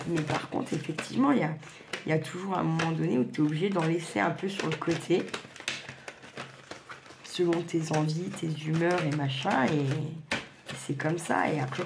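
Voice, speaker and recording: A woman talks in a fairly low, gravelly voice, her sibilants softened by a lisp. She chats informally and bluntly, drifting from one aside to another like a craft vlogger. The recording has clear background noise. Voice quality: lisping, slightly slurred sibilants from dental appliance. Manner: colloquial, digressive, blunt. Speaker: craft video host. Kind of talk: casual rambling chat to viewers.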